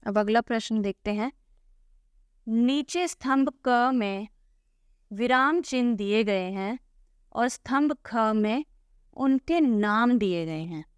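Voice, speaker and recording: Patient woman teaching Hindi, clear voice. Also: a little high, slow pace, pauses often, no room sound, clean studio sound. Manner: patient, repeats "ठीक है" often. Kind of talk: explaining textbook answers.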